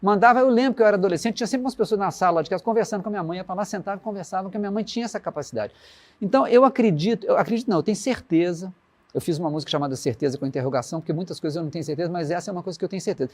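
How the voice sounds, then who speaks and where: A Brazilian man, a musician reflecting in an interview and slowly reciting lyrics as he tells stories. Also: sits high. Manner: warm storytelling, recites his lyrics slowly. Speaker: musician guest.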